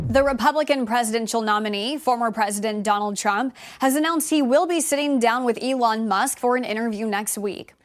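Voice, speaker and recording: A woman presenting news headlines as scripted narration. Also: on the high side.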